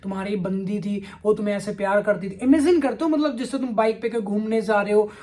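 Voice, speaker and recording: A man with a notably high voice lectures the listener in a blunt advice monologue. His talk is crude and full of swearing, scolding the listener and circling back with filler tag phrases. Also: fast talker, darkish tone. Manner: repetitive, heavy use of filler tag phrases. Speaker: relationship advice video host.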